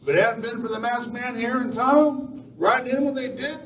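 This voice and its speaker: A man's voice: extremely high pitch, brisk, crowd noise. A man playing a folksy, talkative Old West sheriff full of cowboy slang in an amateur live radio play. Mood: grateful, earnest. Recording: roomy, distant, noisy live recording.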